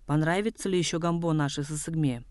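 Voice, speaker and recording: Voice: mid-range voice, fast, no echo, natural voice. A reader voicing an agitated young woman who is the daughter-in-law in a novel. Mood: curt. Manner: blunt and agitated.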